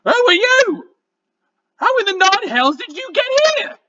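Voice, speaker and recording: A man voicing a small, indignant goblin necromancer with a croaky, theatrical delivery in a tabletop game. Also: very animated, unhurried, sharp tone, muffled recording, heavily acted. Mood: startled, indignant. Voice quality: croaky, shrill. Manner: theatrical, exasperated ranting.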